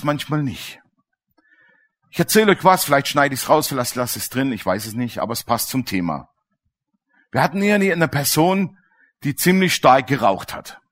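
A man delivering a sermon, his voice sitting a little high for a man. He tells stories in plain everyday speech and keeps asking his listeners questions. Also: lively intonation, moderate pace, pauses often, fairly bright tone. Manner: colloquial, storytelling, asks the listeners questions. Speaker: preacher.

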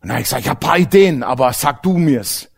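Animated preacher, wide pitch swings. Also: male voice, quick pace, vocal fry, breathy edge. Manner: animated, jokes with the congregation, swings from loud to hushed. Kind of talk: lively sermon.

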